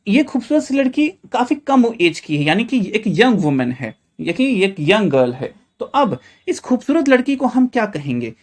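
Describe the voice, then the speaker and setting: Lively teacher from India explaining vocabulary. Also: medium pitch, normal speed, few pauses. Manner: addresses viewers as friends, repeats reminders to remember. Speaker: English teacher.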